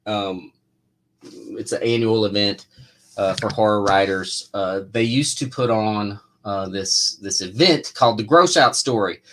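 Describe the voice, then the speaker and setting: A man's voice: fairly low pitch, fairly bright tone. A man who writes comics, answering viewer questions in a casual live chat, rambling with lots of fillers and restarts.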